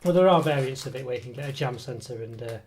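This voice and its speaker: His voice coming and going from a cold, a man reviews a snack casually at an indoor table as a food reviewer. He speaks fast in a mid-range, darkish voice, rambling hesitantly with many fillers and self-corrections. A table camera mic captures a little hiss or hum.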